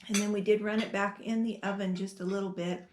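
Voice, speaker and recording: A woman's voice: mid-range voice, steady tone, quick pace, darkish tone. A woman in casual chat while eating, giggly and teasing. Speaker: co-host of a mukbang channel. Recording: roomy kitchen, faint noise.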